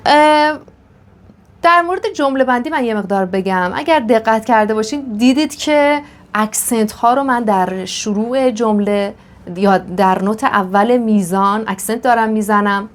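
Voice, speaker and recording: A woman with a somewhat high voice explains violin technique step by step. She is patient and methodical, pausing on fillers as she thinks. A violin plays between her explanations. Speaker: violin teacher. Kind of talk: instructional explanation. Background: violin playing.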